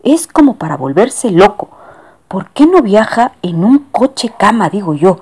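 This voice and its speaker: A woman's voice: medium pitch, very animated, a little slow, a little mellow, slightly rough, full character voice. A woman voicing a grumpy, complaining businessman passenger who fears catching illnesses, in a storybook reading. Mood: grumbling. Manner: complaining, indignant. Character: grumpy hypochondriac businessman, older male.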